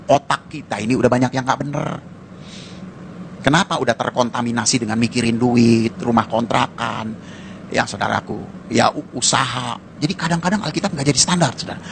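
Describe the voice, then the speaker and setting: A man preaching a sermon to a congregation as pastor, in an animated, colloquial way with mocking asides. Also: medium pitch, gravelly, a little hiss or hum.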